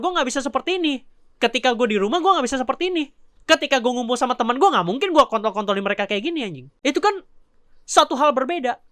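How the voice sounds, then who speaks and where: A woman vlogger rants in Jakarta slang, swearing freely and scolding her audience. Her voice sits a little high for a woman. The recording is dry, with no room sound. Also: fairly bright tone, dry recording. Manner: blunt, profane, scolding. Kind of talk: ranting commentary.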